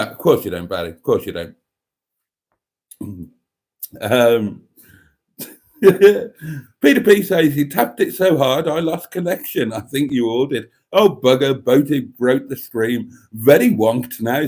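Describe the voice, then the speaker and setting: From indoors at home in a chilly room, a livestream host with a fairly high, slightly mellow voice reads viewer comments aloud, chatty and cheeky, addressing his audience as darlings.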